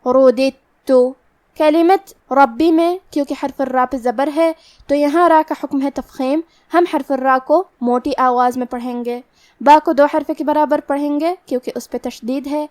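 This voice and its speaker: A woman teaching Quran recitation rules, explaining each word calmly and methodically, then reciting it slowly and drawn out. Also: high-pitched.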